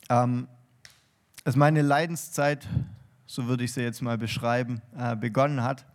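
Earnest gravelly man preaching. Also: medium pitch, darkish tone. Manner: earnest and heartfelt, with frequent restarts. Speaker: preacher giving a testimony. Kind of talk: personal testimony sermon with prayer. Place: church stage.

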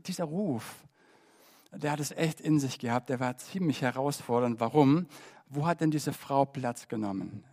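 During a church service, a man with a mid-range voice preaches a sermon, alternating between loud emphasis and soft, quiet appeals.

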